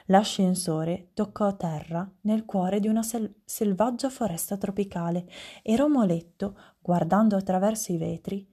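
Dark-voiced woman reading a story. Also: mid-range voice, husky. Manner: lively storytelling with small stumbles. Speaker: narrator. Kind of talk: reading a children's story aloud.

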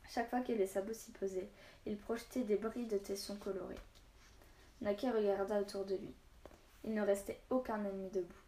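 A woman reads a story aloud with steady, expressive narration, briefly voicing the characters in dialogue. Her voice sits at a middle pitch. The sound carries a roomy echo. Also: a little fast, a little hiss or hum. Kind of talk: reading a children's novel aloud.

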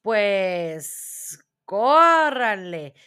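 A woman storyteller voicing a cruel, commanding grand witch who barks shrill orders in a storybook reading. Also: takes it slowly, bright, forceful tone, clear, resonant tone. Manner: shrill, barking orders at her followers.

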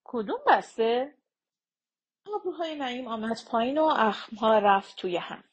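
A woman reads a novel aloud at a measured, steady pace. Her voice sits fairly high with a husky, breathy edge. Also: low-quality recording. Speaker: audiobook narrator. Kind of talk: audiobook narration.

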